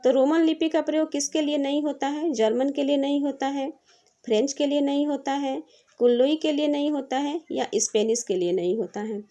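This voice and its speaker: A woman's voice: sits high, fairly quick, mellow, muffled recording. A woman teaching an exam-prep lesson. She reads each question twice and then explains the answer with patient repetition.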